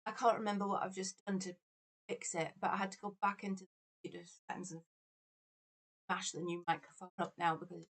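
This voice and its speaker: A woman's voice: fairly low pitch, level tone, a little fast, fairly bright tone. A woman talks casually to her livestream audience at home, rambling cheerfully and poking fun at herself. Her voice comes through a plain laptop microphone at her desk. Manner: chatty, self-deprecating rambling. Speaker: tarot reader and livestream host.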